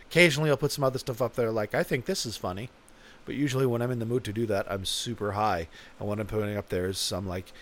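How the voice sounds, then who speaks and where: A man hosts his own podcast and talks loosely and off the cuff, wandering from one thought to the next. His humor is self-mocking and sly, full of asides. His pitch sits in an ordinary middle range for a man. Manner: joking, self-mocking, rambling. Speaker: podcast host. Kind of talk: casual podcast chat.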